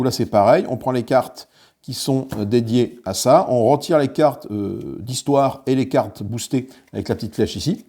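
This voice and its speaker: A man's voice: medium pitch, warm tone. A man hosting a board game channel, talking viewers through a solo playthrough with frequent fillers and restarts. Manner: talks viewers through card rules while handling components.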